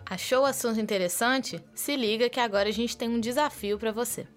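A woman's voice: fairly high pitch, fairly quick, soft background music. Upbeat young Brazilian woman co-host. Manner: upbeat, explanatory delivery. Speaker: student radio co-host. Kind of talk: scripted radio presenting.

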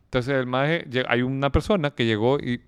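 A man's voice: medium pitch, normal speed, clear, resonant tone. A man, a philosophy teacher, telling stories animatedly in a casual podcast chat. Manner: animated storytelling, quotes others in raised voice.

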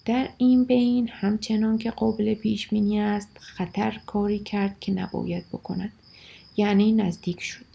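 A woman reads a storybook aloud in a dark, gravelly voice with a husky edge. She turns expressive, sinking to whispers and lifting her voice for the shouted lines. Crickets chirp faintly behind her. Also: mid-range voice.

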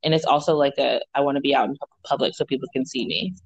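A woman's voice: rumbling low, fairly even intonation, fast, dry recording, dull audio. A young adult woman co-hosting a podcast, laid-back and teasing, with lots of fillers. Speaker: podcast co-host. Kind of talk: casual chat.

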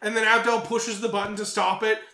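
High, bright young man swearing casually. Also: flat delivery, a little fast, reverberant. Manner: swears freely, exaggerated retellings. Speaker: podcast co-host. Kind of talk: casual chat recapping an anime.

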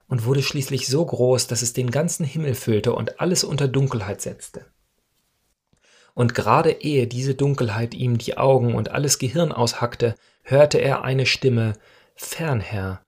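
Husky man reading a novel aloud. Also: medium pitch. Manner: measured, dramatic reading. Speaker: audiobook reader. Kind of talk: literary narration.

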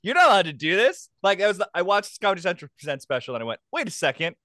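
A man in his thirties co-hosting a podcast, animated and joking, laughing often. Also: sits high, fast, no echo, clean studio sound. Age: 30s. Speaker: podcast co-host. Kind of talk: casual chat.

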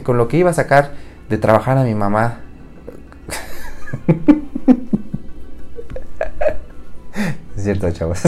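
A young podcast host with a Mexican Spanish accent delivers a casual comedic monologue, spinning rambling, slang-filled stories and laughing at his own jokes. His voice sits at a medium pitch with a slightly mellow quality.

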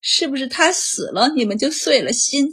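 A woman voicing a grieving, furious middle-aged noble mother who scolds loudly in a storybook reading. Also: sits high, animated, moderate pace, breathy edge, full character voice. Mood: angry wailing. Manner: loud scolding, wailing.

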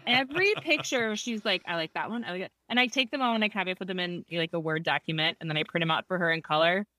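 A woman therapist telling a story in a casual conversation, animated, laughing often and acting out quotes. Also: lowish voice, fast talker.

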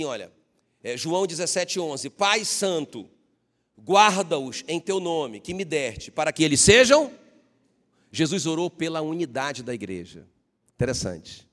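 Animated preaching man in a reverberant hall. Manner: animated preaching, acting out questions in a high voice. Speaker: pastor. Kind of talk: sermon.

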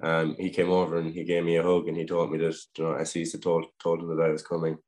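A young Irish man tells a story for an interview in a deep, very flat voice. He talks quickly and relaxed, leaning on "um" pauses as he recalls events. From Ireland. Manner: relaxed, anecdotal, frequent "um" pauses. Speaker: guest footballer.

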